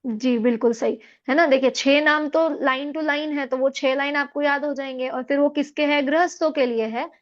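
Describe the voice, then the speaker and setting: A woman's voice: sits high, fairly even intonation, normal speed. A woman teaching a scripture class, patiently explaining and checking in with her students. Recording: dull lo-fi audio.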